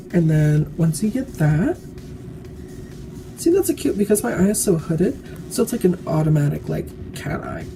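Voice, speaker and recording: A tipsy woman with a slightly low voice chats her way through a makeup tutorial. She rambles drunkenly in a loose, casual style and swears often. Music plays clearly behind her. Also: poor audio.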